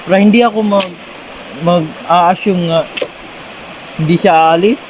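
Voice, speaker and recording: A man's voice: sits high, fairly even intonation, unhurried, background noise. A man in a comedy skit, airing his troubles in a mock-sorrowful way. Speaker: comedy sketch performer.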